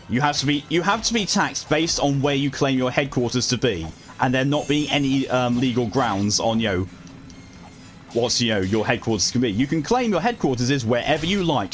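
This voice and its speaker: A man streaming a video game, chatting casually in a rambling, wry way with some swearing. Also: medium pitch. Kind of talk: casual live game commentary and chat. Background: game music.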